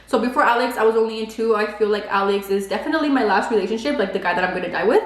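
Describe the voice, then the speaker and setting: Eating as she talks, a Spanish-speaking woman in her twenties, a pregnant beauty vlogger, chats casually and leans heavily on the word "like." Her mid-range voice comes out rapid-fire in a reverberant space.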